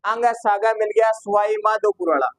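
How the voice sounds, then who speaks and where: A man with a Rajasthani accent gives a classroom lecture in a fairly high voice. He fires quick questions at his students and answers them himself, dropping into local dialect as he goes. The sound is close and dry, with no room echo. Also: level tone. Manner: slips into local dialect phrases. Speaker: exam-prep teacher.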